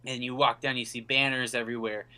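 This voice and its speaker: A man's voice: medium pitch, little pitch movement, fast, sharp tone. A man narrating as game master, describing scenes in a rambling way with many fillers.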